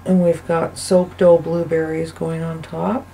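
A woman's voice: deep voice, little pitch movement, unhurried, dark tone, slight background noise, poor audio. Chatty woman narrating a craft video. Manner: chatty and rambling, thinking aloud. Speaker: soap maker and channel host.

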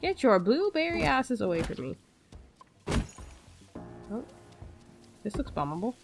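A woman's voice: on the high side, sing-song, unhurried, over music. A woman hosting a let's play, chatting casually and self-mockingly while she plays and does voices for the characters. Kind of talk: casual gameplay commentary.

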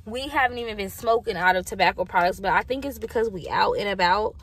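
Her mid-range voice comes out quick, husky, and fairly bright as she chats casually in the car, a little tipsy and swearing freely while she rambles. The in-car recording is noisy.

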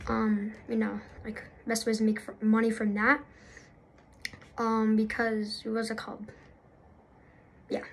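A woman's voice: fairly high pitch, monotone, unhurried, pauses often, a little hiss or hum, poor audio. A young woman talking off the cuff as a gaming YouTuber, rambling and apologizing, with lots of fillers and restarts. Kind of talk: unscripted casual commentary.

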